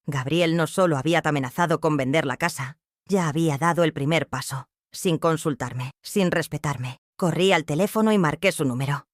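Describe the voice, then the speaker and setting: An older woman narrates her own story in a measured, emotional way. Her voice sits on the low side, and the recording is close and dry. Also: no room sound. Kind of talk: scripted first-person narration.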